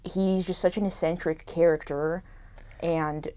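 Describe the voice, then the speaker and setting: Her voice sits on the low side, warm and clean, with fairly even intonation and a slightly slow delivery. She's a young adult podcast co-host chatting loosely about a film, using "like" over and over.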